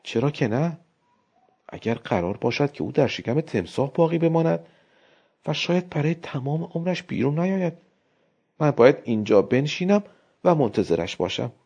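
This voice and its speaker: A man's voice: on the high side, expressive, slightly rough. A man voicing a petulant, fretful young wife. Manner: softer and quieter than the narration, fretful. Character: fickle young wife, petulant and self-absorbed. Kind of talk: audiobook character voice. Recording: dull lo-fi recording.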